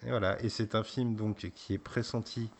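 A man hosting a casual film podcast, gently prompting his child with questions and often pausing to hesitate. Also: on the low side, little pitch movement, creaky, breathy edge. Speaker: podcast host; father interviewing his child.

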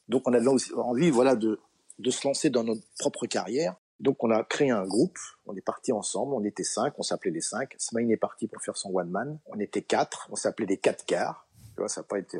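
A middle-aged man, a comedian guest in an interview, telling anecdotes in a relaxed way with many fillers and acted-out dialogue. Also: mid-range voice, slightly rough. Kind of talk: relaxed storytelling.

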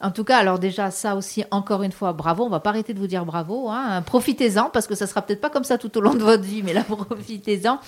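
A woman hosts a radio interview with students. She is lively and encouraging and hesitates often as she talks. Her voice sits at an ordinary pitch. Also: quick pace, few pauses. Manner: lively, encouraging, many fillers. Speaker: radio host.

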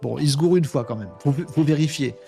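A man's voice: a little high, fairly quick, creaky, warm tone, soft background music. A man from France hosting a daily live webinar, chatting loosely and reading viewer comments aloud, with plenty of fillers. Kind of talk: casual live-stream chat reading comments.

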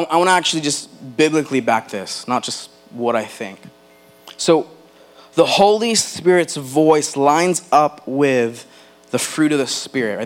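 Man, pastor, sermon, earnest, deliberate emphasis, questions to the congregation, faint mains hum. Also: medium pitch. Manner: earnest preaching, slowing to stress key words; addresses the congregation directly with questions.

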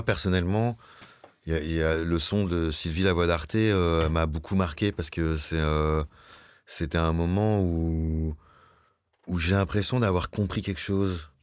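A man's voice: very deep voice, dry recording. A man, a radio producer, reflecting in conversation and searching for his words as he thinks aloud.

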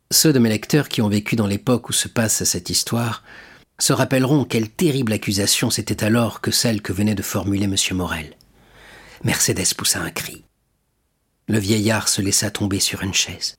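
Husky low-voiced male audiobook reader. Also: normal speed. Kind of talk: classic novel narration.

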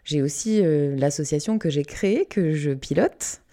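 Low, mellow-voiced woman hosting a podcast. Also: expressive, moderate pace. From Canada. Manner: candid, chatty, swears casually, trails off with fillers. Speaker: podcast host. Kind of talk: unedited reflective podcast monologue.

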